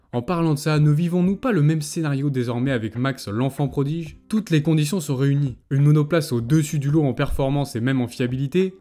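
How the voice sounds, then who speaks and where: A man narrating a scripted motor-racing analysis in a measured, explanatory way. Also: medium pitch, dark tone. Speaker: YouTube F1 commentator.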